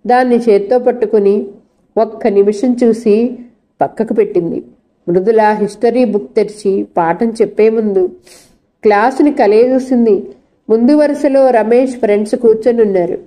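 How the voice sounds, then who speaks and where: Brief: woman narrator, scripted novel reading, steady delivery, somewhat high and mellow. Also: normal speed.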